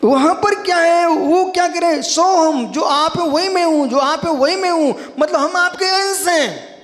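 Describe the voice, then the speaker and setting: A man's voice: very high voice, moderate pace, fairly bright tone. A man giving a religious sermon, repeating key phrases for emphasis and calling on his listeners as friends. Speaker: Jain monk preacher. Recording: long hall reverb.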